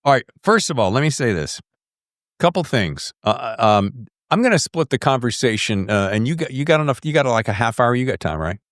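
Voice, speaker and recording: A podcast host speaks in a mid-range male voice with big pitch swings, a brisk pace and a fairly bright tone. He chats casually with his guest and listeners, sounding chummy, effusive and emphatic, and he uses plenty of slang. The studio-quality recording has no echo.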